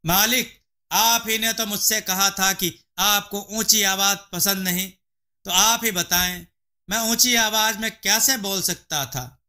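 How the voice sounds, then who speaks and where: A naive, literal-minded servant answers his master with earnest innocence, as a man puts him on. The voice is high and bright, with a slow delivery. It is a comic storybook fool. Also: exaggerated voice.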